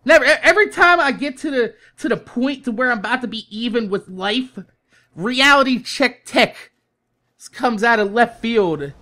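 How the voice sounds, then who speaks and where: Animated and moderately paced, a young American man vents on YouTube in a storytime rant. His forceful, bright voice rises and falls sharply as he complains, swearing often and repeating words to stress his point.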